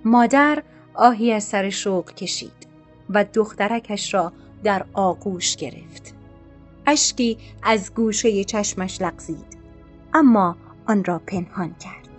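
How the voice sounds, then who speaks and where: A woman narrating a scripted story in a calm, measured, literary way. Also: medium pitch, faint music behind.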